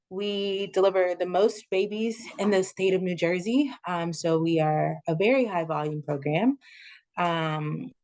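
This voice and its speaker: A woman from Houston hosts an informal panel over a video call. Her voice sits somewhat low. She talks in a friendly, chatty way and drops in plenty of ums. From Houston, Texas. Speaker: panel moderator, second-year resident. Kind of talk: casual panel hosting.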